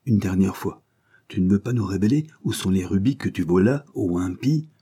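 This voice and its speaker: A man's voice: deep voice, lively intonation, normal speed, dark tone, breathy edge. A man voicing a cruel bandit chief who issues harsh, threatening ultimatums. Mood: menacing.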